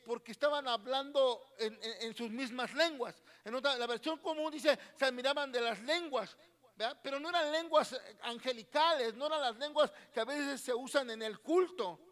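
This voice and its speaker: High-voiced Mexican pastor preaching in a hall. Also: male voice, moderate pace, a bit bright. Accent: Mexican Spanish. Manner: questioning the congregation, repeats words, frequent "¿verdad?". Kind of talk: sermon. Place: church hall.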